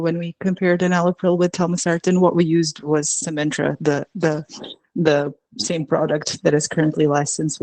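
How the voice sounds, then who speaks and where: A mid-pitched veterinary educator explains things in a relaxed, easygoing way over a video call. The sound is dry and close, with no room echo. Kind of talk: casual online meeting discussion.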